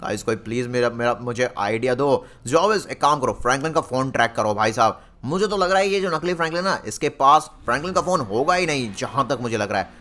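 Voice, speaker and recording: A man's voice: medium pitch, expressive, quick pace, hardly any pauses, bright, forceful tone. A young man narrating a video game story dramatically, speaking directly to his viewers and asking them to comment. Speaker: gaming YouTuber. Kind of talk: excited gameplay narration.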